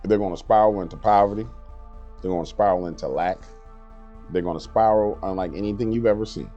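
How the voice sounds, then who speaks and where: A man delivers blunt, emphatic commentary in a very low, dark voice. The recording sounds slightly dull, with faint music underneath. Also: brisk. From New Orleans, Louisiana. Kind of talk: casual commentary.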